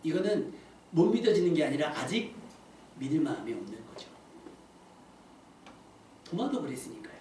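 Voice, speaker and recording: A man's voice: a little high, big pitch swings, moderate pace, pauses often, dark tone. A man preaching a sermon as pastor in a church, conversational, asking the congregation rhetorical questions. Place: church sanctuary. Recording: echoey church hall from a distance, faint room noise.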